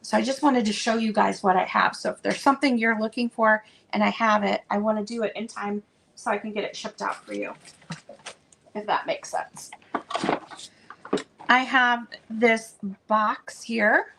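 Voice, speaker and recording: A woman selling vintage items, chatting casually and meanderingly as she unpacks, with plenty of fillers, and a voice that is going a bit hoarse. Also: mid-range voice, fairly even intonation, normal speed, fairly bright tone, a little hiss or hum, low-quality recording. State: losing her voice. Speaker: vintage seller showing stock. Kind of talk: casual unboxing chat.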